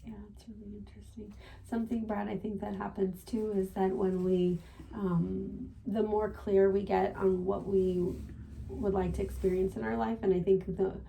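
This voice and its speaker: A woman's voice: mid-range voice, flat delivery, moderate pace, vocal fry, dark tone, a little hiss or hum, rough recording. A woman chatting casually with a group. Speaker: trance channel, group leader.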